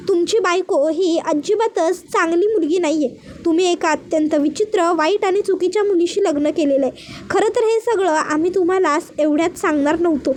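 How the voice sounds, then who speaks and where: A woman's voice: very high-pitched, moderate pace, a little mellow, a little hiss or hum. A woman reading a blunt, insistent young sister-in-law. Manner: earnest, pleading, plain reading voice.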